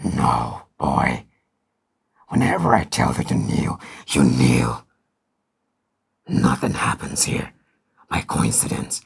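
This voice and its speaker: Cold villain, very low, growling whisper, slow, threatening, commanding, animated-film style. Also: male voice, creaky, breathy edge, exaggerated voice. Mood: cold menace.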